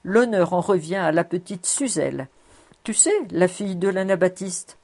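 A woman's voice: on the low side, normal speed, darkish tone. A woman voicing a jovial man who teases his old friend in a half-serious, half-mocking way. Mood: teasing. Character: male landowner, jovial, teasing, fond of food.

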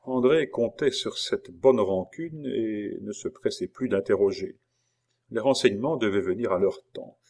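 A man narrating a novel in a steady, measured storytelling manner. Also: lowish voice. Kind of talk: audiobook reading of a novel.

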